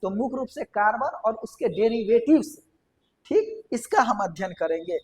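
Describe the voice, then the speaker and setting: A woman's voice: on the high side, lively intonation, moderate pace. Woman teaching a step-by-step science lesson. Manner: explains step by step, asks and answers her own questions; repeats key terms for emphasis. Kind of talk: classroom lecture.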